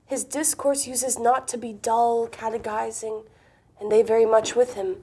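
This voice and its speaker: A gallant young gentleman lover from a Restoration comedy, played by a woman, speaking in a fairly high voice. The lines are mannered and earnest, with wry reproof and courtly period phrasing. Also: level tone, a little slow, husky.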